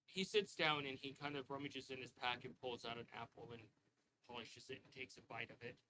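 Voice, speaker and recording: A man narrating a tabletop game as game master, relaxed and rambling with frequent fillers. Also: mid-range voice, a little fast, slight background noise, low-quality recording.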